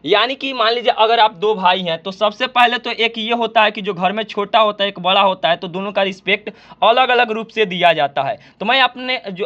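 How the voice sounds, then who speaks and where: Slow, repetitive high-voiced male teacher. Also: fairly bright tone, dull audio. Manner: explains slowly, repeats questions to viewers. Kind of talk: spoken classroom lesson.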